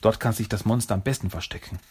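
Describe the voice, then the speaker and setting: A man's voice: on the low side, fast talker, a little mellow, husky. A man voicing an eager, joking young male mutant turtle in a storybook reading.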